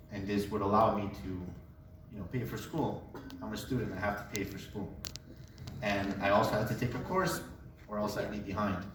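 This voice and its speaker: Young man from Colombia, relaxed joking testimony, lowish voice, very echoey room, away from mic. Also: distant mic, slight background noise. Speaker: speaker giving a testimony. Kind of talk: casual personal testimony.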